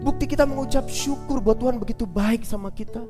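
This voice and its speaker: Male pastor, high tenor, vivid storytelling sermon style, faint worship band behind. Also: fast, in a large hall. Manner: animated storyteller, acting out the people he quotes; fervent exhorting over worship music at the close. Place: church service.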